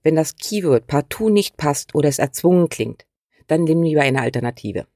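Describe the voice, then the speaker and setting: A woman's voice: sits low, animated, normal speed, warm tone, no room sound. Woman giving direct, dry writing tips. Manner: direct and instructive, uses imperatives. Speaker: writing coach and channel host. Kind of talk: scripted tutorial addressing the viewer.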